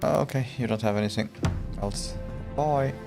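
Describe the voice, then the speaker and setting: A man's voice: mid-range voice, moderate pace, vocal fry, loud music behind the voice. A man streaming a video game, chatting casually, reading player lines aloud with wry asides. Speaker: gaming streamer. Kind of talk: casual let's-play commentary.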